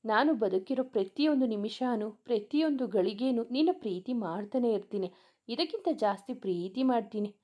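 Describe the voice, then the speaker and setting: A woman voicing a loving young husband who coaxes his wife with soft endearments. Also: a little high, animated, moderate pace, highs cut off, close to an everyday voice. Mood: tender.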